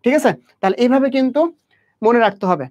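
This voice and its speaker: This young male biology tutor has an extremely high, darkish voice and talks fast, with a little hiss or hum on the track. In his exam-prep lecture he speaks right to the student, firing off questions he answers himself. The recording is dull and lo-fi.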